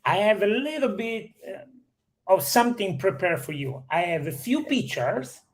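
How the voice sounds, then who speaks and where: Brisk interviewer asking quick questions. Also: medium pitch, animated.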